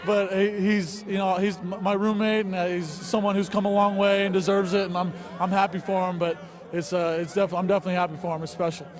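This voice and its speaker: A young male college football player with a high voice gives a post-game interview outdoors. He speaks haltingly, repeating words, over a loud stadium crowd. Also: level tone. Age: young adult.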